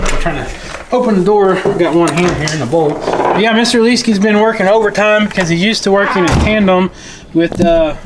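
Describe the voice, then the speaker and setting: A man with a Southern US accent and a noticeably high-pitched voice talks in a folksy, plain-spoken way. He chats casually as a farm vlogger. The recording is made outdoors, with faint noise behind him. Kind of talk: casual vlog chat.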